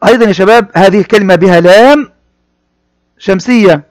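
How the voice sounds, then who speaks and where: A man's voice: high voice, brisk, no room sound. A man teaches a children's reading lesson. He goes word by word, repeating phrases and addressing the pupils directly. The recording is dry and close. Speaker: primary school teacher.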